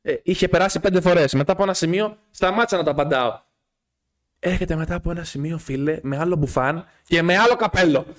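A young man, co-host of a podcast, chatting casually in a studio as an animated storyteller who swears a lot. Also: a little high.

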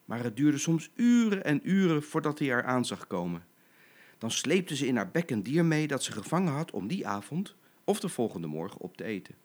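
Animated grandfather reading aloud. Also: medium pitch, moderate pace, a little hiss or hum. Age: older. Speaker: grandfather storyteller. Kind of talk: reading a bedtime story aloud.

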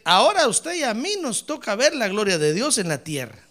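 A man preaching as a pastor in a church, a fiery Pentecostal sermon that swings from quiet asides to shouted exclamations. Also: high voice, big pitch swings, fairly quick.

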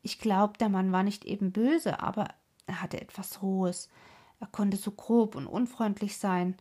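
A woman voicing an earnest, sorrowful sister in a read-aloud story, speaking in a breathy tone. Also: mid-range voice, fairly even intonation, measured pace, warm tone. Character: earnest, devoted sister telling a sad tale.

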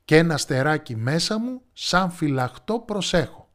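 A man voicing a small, restless boy in a children's storybook, speaking high and eager. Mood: earnest. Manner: bright, eager, excited shouting. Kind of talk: storybook character voice.

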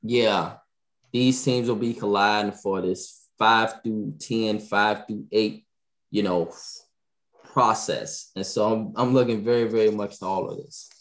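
Low-voiced man hosting a sports podcast. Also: unhurried. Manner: animated, repeats himself often. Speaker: podcast host. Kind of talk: casual sports talk.

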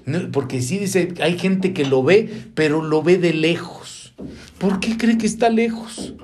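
A man delivering a sermon in a slightly high voice. He preaches with animation, jumping up in pitch and falling to hushed asides. He calls his listeners brother. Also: unhurried.

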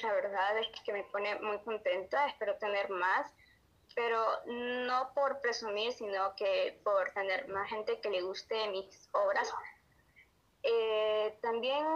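A woman with a Honduran accent answers casually as an interview guest, an amateur writer. Her voice is medium-pitched and a bit bright, captured in dull lo-fi audio.

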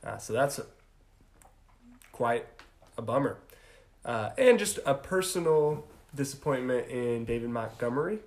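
A man's voice: mid-range voice, animated, unhurried, long pauses. A man on a casual podcast panel, starting his thoughts with hesitant "uh"s. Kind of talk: casual chat about fantasy football.

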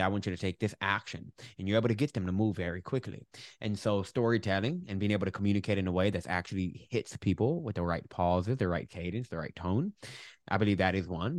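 A man's voice: low voice, fast talker, darkish tone, no echo. A man with a lisp on his S sounds and R's that sometimes sound like W, explaining things emphatically and conversationally as an interview guest. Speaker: guest, public speaker.

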